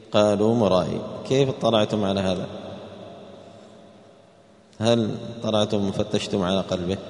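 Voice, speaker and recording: A man teaching Quran exegesis, posing rhetorical questions and answering them, and raising his voice sharply for quoted speech. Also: a little mellow. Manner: raises pitch and volume sharply for quoted speech. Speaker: Islamic teacher. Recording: echoey hall with long reverb.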